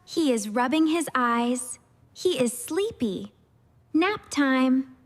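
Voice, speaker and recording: A woman voicing an excitable, bossy young girl babysitting her baby brother in a slow learner's story. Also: sits high, heavily acted. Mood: busy. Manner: exclaiming, bossy, clearly enunciated.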